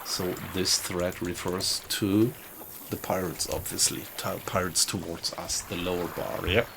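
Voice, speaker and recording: A man's voice: low-pitched, fairly even intonation, unhurried, gravelly, noisy background. A man giving casual gameplay commentary, musing to himself and asking himself questions as he goes. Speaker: gaming video host.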